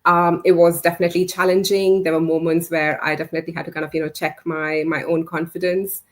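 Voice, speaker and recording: A non-native English speaker in her forties, a communications leader, recounts her career as an interview guest in a reflective live chat. Her voice is fairly low and flat, and she talks quickly, full of fillers and restarts.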